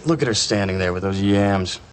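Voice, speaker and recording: A man's voice: sits low, moderate pace, smooth, close to an everyday voice. An actor playing a sulky man in a sitcom, muttering his lines in a half whisper. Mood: wry.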